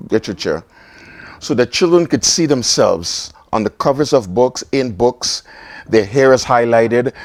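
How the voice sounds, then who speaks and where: A man's voice: mid-range voice, dry recording. A man from Trinidad and Tobago, a bookstore owner, answering interview questions in an earnest, grateful way. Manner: earnest, grateful, speaks in short flowing phrases. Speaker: bookstore owner, award recipient.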